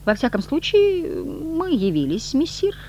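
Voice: high-pitched, wildly swooping pitch, unhurried, darkish tone, a little hiss or hum, voice pushed up, full character voice. A reader voicing a glib, fawning male demon sidekick in a raised, ingratiating voice. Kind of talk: audiobook reading.

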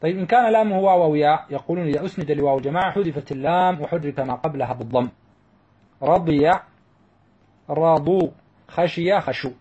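Male teacher, slightly high and husky voice, patient step-by-step grammar explanation. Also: fast talker, dark tone, muffled recording. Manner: explains step by step, drawing out example words. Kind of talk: grammar lesson.

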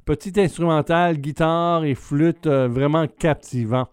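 A man hosting a radio show, presenting an album in an unhurried way with many filler pauses. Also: on the high side, clean tone, no echo. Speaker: radio host.

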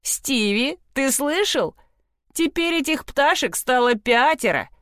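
A woman's voice: sits high, lively intonation, slow pace, fairly bright tone, dry recording, studio quality, pitched above the performer's own voice, heavily acted. A woman doing a cocky teasing schoolboy. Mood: jeering. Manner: mocking, boastful. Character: cocky teasing teenage boy.

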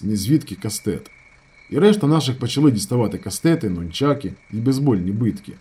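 A man with a husky, mid-range voice narrates a novel as an audiobook reader, telling the story in an expressive, dramatic way.

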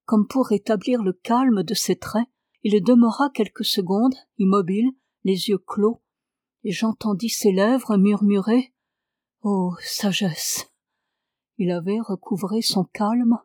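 A woman reads a novel aloud as an audiobook narrator. Her delivery is even and measured, and her pitch sits in a middle range. The sound is close and dry, with no room echo.

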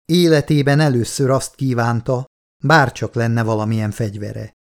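A man reading an audiobook aloud, narrating in a measured, dramatic storytelling manner. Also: medium pitch, steady tone. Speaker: audiobook reader. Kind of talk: scripted narration.

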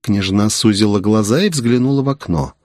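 A man narrating a story in a scripted, even storytelling delivery. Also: lowish voice, fairly quick, no echo, clean studio sound. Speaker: audiobook narrator.

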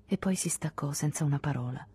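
A woman narrating a literary novel in the first person, measured and intimate. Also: deep voice, warm tone, slightly rough. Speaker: audiobook narrator.

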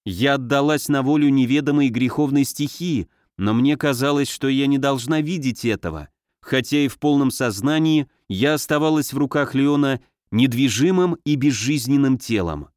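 A man narrating a first-person story in a steady, measured reading, on a close studio mic. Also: medium pitch, no room sound. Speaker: audiobook reader.

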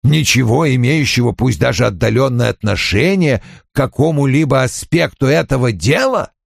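A man voicing a stern, commanding male detective who speaks in a dry, measured way. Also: medium pitch, expressive, creaky, no room sound, voice pushed up. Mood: imperious.

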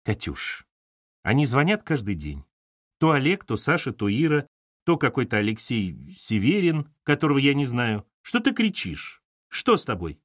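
An older mother, stern and commanding, lecturing firmly, as a male narrator puts her on. The pitch moves with animated inflection, recorded dry and close. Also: normal speed, dry recording. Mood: soothing. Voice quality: stern, authoritative.

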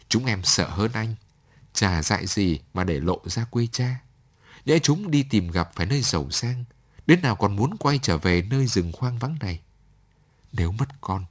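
A man's voice: lowish voice, breathy edge. A man reading a story aloud, voicing a lonely young woman who pleads through tears and then turns firm.

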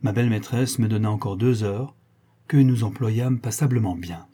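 Dark husky male audiobook narrator. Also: on the low side. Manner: measured literary narration. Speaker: audiobook reader. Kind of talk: reading a classic novel aloud.

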